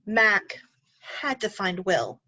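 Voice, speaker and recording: A woman teacher reads slowly from a picture book to children, her voice medium in pitch and animated as she tells the story. She often breaks off to ask the children questions. The recording sounds dull and lo-fi.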